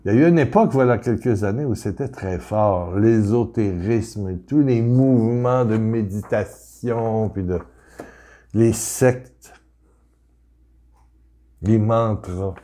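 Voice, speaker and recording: A middle-aged man with a Québécois accent gives an informal spiritual talk, reading viewers' letters aloud in a halting way with many restarts. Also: on the low side, dark tone. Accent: Québécois French.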